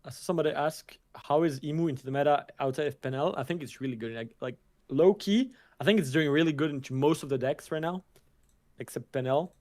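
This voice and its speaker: A man's voice: a little high, quick pace, darkish tone. A young man co-commentating a card game livestream in a casual, slangy way, often stumbling and restarting.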